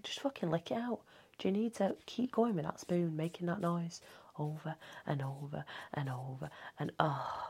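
Female podcast host, 30s. Deep, gravelly voice. Casual and rambling, swears a lot, often half-whispers. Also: darkish tone. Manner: rambling, chatty, swears freely. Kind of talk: casual solo podcast chat. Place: indoors at home late at night.

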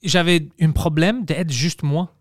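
A man hosting a podcast, talking in an earnest, measured way and often agreeing with his guest. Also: a little high, dry recording, clean studio sound. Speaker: podcast host. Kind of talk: casual podcast conversation.

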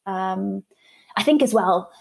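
A woman's voice: medium pitch, takes it slowly, creaky. A woman in her thirties, a guest talking candidly and chattily about running her own PR business, often restarting her sentences. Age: 30s. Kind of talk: casual interview conversation.

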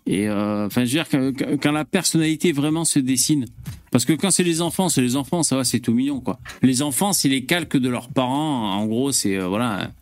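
A man's voice: mid-range voice, brisk. A man hosting a casual live-stream chat, loose and profane, with lots of fillers. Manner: loose, swears often, trailing fillers. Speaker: host.

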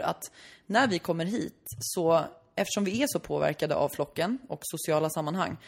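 A young woman in casual podcast chat, telling stories and acting out the people in them with sudden loud outbursts. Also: on the low side. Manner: animated storyteller, acts out quotes loudly.

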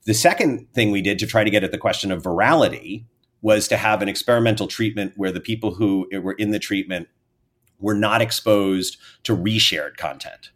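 A man, explaining research findings in an interview in a measured, academic way. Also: lowish voice, fairly bright tone. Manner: measured, academic, trails off at sentence ends. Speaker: researcher guest.

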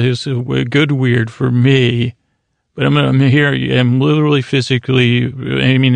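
Hosting a sleep podcast, a man drifts through a soft-spoken, meandering bedtime monologue that keeps breaking off mid-thought. His medium-pitched voice carries vocal fry, and the recording has no room sound.

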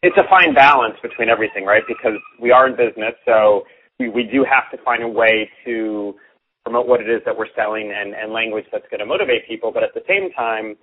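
A man with a lowish voice talks briskly as a guest in a casual interview, earnestly explaining his work as a copywriting coach and often repeating words as he starts sentences. The line sounds tinny, like a phone call, with a slight hiss or hum.

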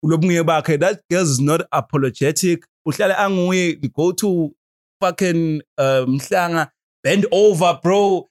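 A young man with a Swazi accent chatting casually on a podcast in an animated, repetitive, slangy way, switching between languages. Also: fairly high pitch, measured pace. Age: young adult. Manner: animated, repetitive, peppers talk with "bro".

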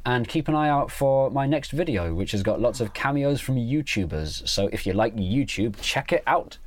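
A man, a guest comedian, chatting on a podcast with deadpan, absurd jokes. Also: medium pitch, moderate pace. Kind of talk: casual podcast chat.

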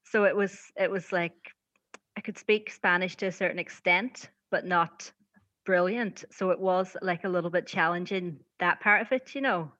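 A woman's voice: lowish voice, normal speed, fairly bright tone, no echo. A woman in her thirties with a Donegal Irish accent, telling a personal story casually and hesitantly as a podcast guest. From County Donegal, Ireland. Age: 30s. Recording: slightly dull, lo-fi sound.

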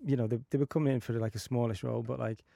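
A man's voice: mid-range voice, steady tone, racing, gravelly, warm tone, no room sound, studio quality. A man hosting a podcast in casual chat, easygoing, with many fillers and agreeing "yeah"s. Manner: easygoing, lots of "you know" and "yeah". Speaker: podcast host.

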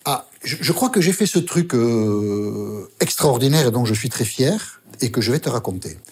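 An older man with a Basque accent, telling stories from his career as a journalist in a lively, casual way with the odd swear word. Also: medium pitch, normal speed. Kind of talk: interview storytelling.

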